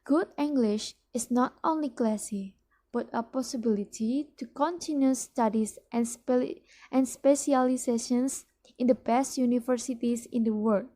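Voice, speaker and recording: A young Indonesian woman, whose first language is Indonesian and who speaks with an Indonesian accent, is a student reading aloud a promotional speech for a mock business ad. She delivers it carefully but restarts frequently. Her voice is a little high, with a dark tone.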